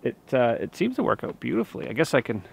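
A man in his thirties, chatting casually as he films himself outdoors in a snowy forest, relaxed and full of fillers and restarts. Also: medium pitch, fast, vocal fry. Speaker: homesteading vlogger. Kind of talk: casual vlog narration. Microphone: handheld camera held at arm's length.

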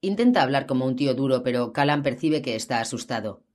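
A woman narrating a gritty crime novel in an audiobook, with steady storytelling. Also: a bass voice, fast talker.

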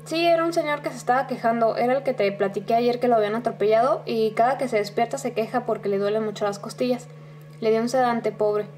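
A woman's voice: fairly high pitch, quick pace, a little mellow, natural voice. A woman voicing a young male medical student on a night shift, teasing and unbothered.

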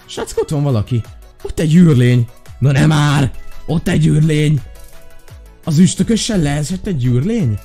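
Man, gaming host, excitable commentary, slightly high, very lively pitch. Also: long pauses, husky, faint music behind. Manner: excitable, squeals with delight, talks to viewers. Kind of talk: let's play commentary.

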